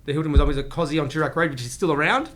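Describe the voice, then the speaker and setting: An Australian man in his forties, a chef, tells the story of his career as a guest on a podcast in a casual interview. His voice is fairly high and fairly bright, and he rambles in quick bursts, restarting often.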